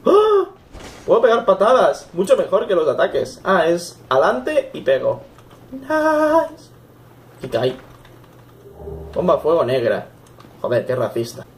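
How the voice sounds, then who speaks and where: A young man gives excitable Let's Play commentary, swearing and yelping at the game. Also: high voice, slow pace, pauses often, a little hiss or hum. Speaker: gaming YouTuber.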